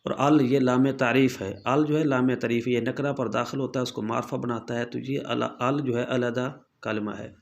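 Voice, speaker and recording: A man teaching the rules of Quran recitation, explaining patiently and repeating himself, slowly demonstrating pronunciations and checking in often with his students. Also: mid-range voice, fairly even intonation, vocal fry. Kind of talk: explanatory tajweed lesson.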